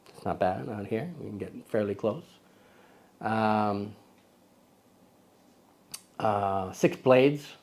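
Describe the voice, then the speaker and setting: Rambling joking man hosting, low voice. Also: slow pace, pauses often, a little mellow. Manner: rambling, self-correcting, joking asides. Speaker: host of a camera lens video. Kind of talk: casual vlog lens review. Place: outdoors.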